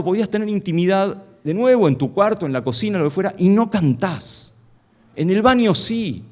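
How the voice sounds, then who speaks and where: On stage, a middle-aged science lecturer gives a playful live talk, firing a stream of questions at the audience. His voice is high and a little mellow.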